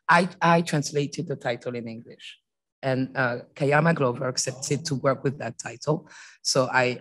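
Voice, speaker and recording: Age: adult. Sex: woman. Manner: halting panel talk. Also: a bass voice. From France. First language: French. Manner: halting, many fillers and restarts. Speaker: panelist and author. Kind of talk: panel discussion before an audience. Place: lecture hall with audience.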